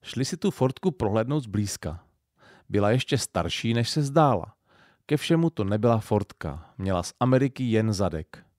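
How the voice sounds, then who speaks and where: A man with a Silesian accent reading an audiobook in an expressive storytelling style. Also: fairly low pitch, no echo, clean studio sound. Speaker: audiobook narrator. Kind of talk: scripted narration.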